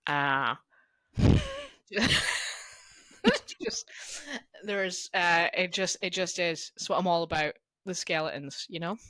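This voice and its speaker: A woman's voice: lowish voice, takes it slowly, pauses often, bright, forceful tone, no room sound. A young adult woman co-hosting a casual podcast chat. She tells stories and swears freely. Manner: chatty storyteller, swears freely. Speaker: podcast co-host.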